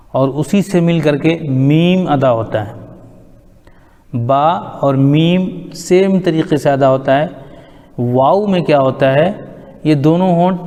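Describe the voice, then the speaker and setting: Guy teaching tajweed, calm and patient, says each letter over and over, kinda echoey room. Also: mid-range voice. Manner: patient, repeats letters slowly for drill. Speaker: Quran recitation teacher. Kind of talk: tajweed lesson on letter articulation.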